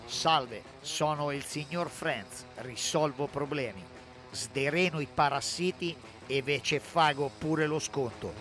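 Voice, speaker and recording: Folksy exterminator played by a man, self-assured, Ancona dialect, slow, radio ad sketch. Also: fairly high pitch, fairly bright tone, faint music behind. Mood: confident. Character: folksy male pest exterminator, Signor Franz.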